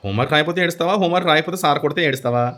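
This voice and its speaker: A male schoolteacher in a classroom, quizzing a young pupil and praising the answers warmly. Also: on the high side, rapid-fire. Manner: warmly encouraging, praises often; questioning, prompting a child. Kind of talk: classroom oral assessment.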